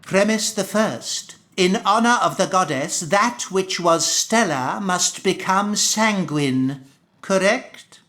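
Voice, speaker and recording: A zealous game cult priest with a notably high voice. He preaches very slowly and solemnly, rolling out grandiose archaic phrases like holy writ. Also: expressive, fairly bright tone, exaggerated voice. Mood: ceremonial. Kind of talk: theatrical video game acting.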